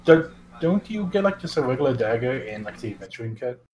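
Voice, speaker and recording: A man's voice: mid-range voice, sing-song, fast, a crowd in the background, rough recording. A man playing a tabletop role-playing game, talking casually as one of the players.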